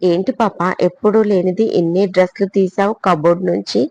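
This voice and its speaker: Female reader as a nosy older caretaker, fussy and questioning, gravelly voice. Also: lowish voice, steady tone, a little fast, mellow, muffled recording.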